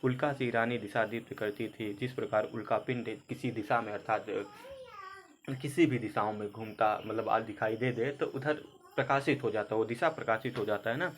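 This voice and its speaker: A man's voice: on the low side, fairly even intonation, normal speed, slight background noise. Man explaining Hindi verse line by line. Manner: reads verse then paraphrases, word by word glosses. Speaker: teacher.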